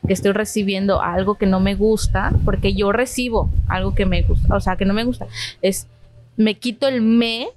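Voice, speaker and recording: A woman's voice: mid-range voice, steady tone, normal speed, darkish tone. A Mexican woman, a psychologist and family therapist, talks in a podcast conversation and explains with personal anecdotes, acting out quoted feelings.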